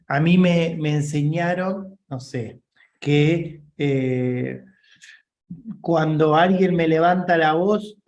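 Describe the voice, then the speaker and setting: A man's voice: a little high, a little mellow, reverberant, lo-fi sound. A man with a Rioplatense Spanish accent, giving an informal leadership coaching class and checking in often with his listeners.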